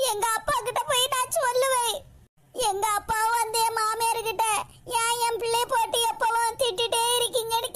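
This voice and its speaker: A young married woman in a home-made cartoon, acted by a woman, anxious and quick to tears. The voice is very high and thin, and she pleads as she unloads her troubles. A faint noise sits under her lines. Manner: pleading, unburdening worries. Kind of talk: cartoon voice acting.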